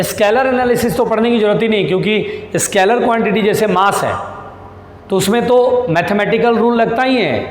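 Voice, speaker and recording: Patient, high-voiced male physics teacher. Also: reverberant, in a large hall, a little hiss or hum. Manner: patient, repeats key terms slowly; calls students "beta", reassuring. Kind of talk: classroom lecture.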